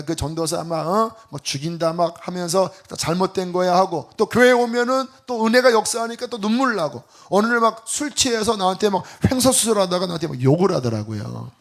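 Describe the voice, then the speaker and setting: A man in middle age preaches from the pulpit with a fairly high voice. He tells stories animatedly, slipping into the voices of the people he quotes. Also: a bit bright. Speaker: pastor. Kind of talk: sermon with personal testimony.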